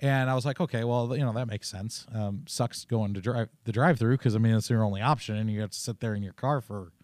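A man co-hosting a laid-back faith talk show, wandering through stories with restarts and asides. His voice sits at an ordinary pitch. The sound is dry and close, with no room around it. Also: fairly even intonation, fast, darkish tone, no room sound. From Oregon, United States. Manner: rambling, storytelling with many restarts. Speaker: podcast co-host. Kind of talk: casual faith chat.

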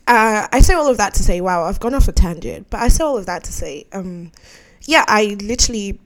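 A woman's voice: mid-range voice, expressive, fairly quick, fairly bright tone. Young woman podcast host, frank and rambling monologue, laughs easily. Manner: candid, rambling, laughs often.

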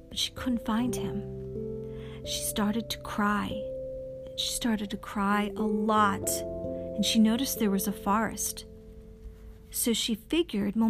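A woman babysitter telling a made-up bedtime story, gentle and slow, at times sinking to a whisper. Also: medium pitch. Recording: storytelling over clear background music.

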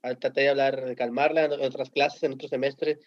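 A Mexican man, a teacher, telling animated anecdotes in slangy casual talk with a Mexican accent and frequent laughter. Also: mid-range voice, brisk. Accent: Mexican Spanish. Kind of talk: casual podcast storytelling. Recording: dull lo-fi sound.

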